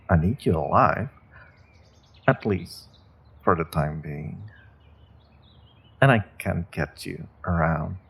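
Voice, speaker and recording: A man plays a sinister sorcerer holding someone captive in a fantasy audio roleplay, using an exaggerated, deep, gravelly voice at a very slow pace. Courteous and measured, he pauses deliberately and lets polite phrases carry veiled threats. The mood is mocking and intimidating.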